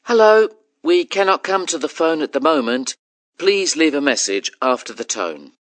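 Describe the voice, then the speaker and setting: A man's recorded greeting plays back from an answering machine over a landline phone. He speaks in a polite, formal, measured way, his voice sitting a bit high and moving lively up and down. The sound is dry, with no room around it. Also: no room sound. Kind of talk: scripted language-test recording.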